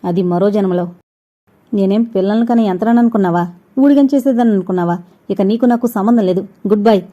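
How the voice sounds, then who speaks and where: A woman's voice: medium pitch, fast, phone-quality sound, close to an everyday voice. A woman doing a spoiled demanding young wife. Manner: sharp, demanding, insulting.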